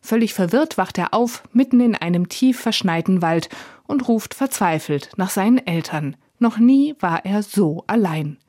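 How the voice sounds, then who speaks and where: A woman's voice: mid-range voice, animated, normal speed, a little mellow, no echo. Female radio critic, scripted review, wry, dry studio sound.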